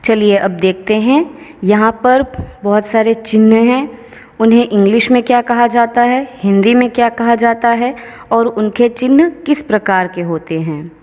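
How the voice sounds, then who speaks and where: A woman teacher giving a slow, patient grammar lesson, explaining each example step by step. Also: on the high side. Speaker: school teacher. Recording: lo-fi with long reverb.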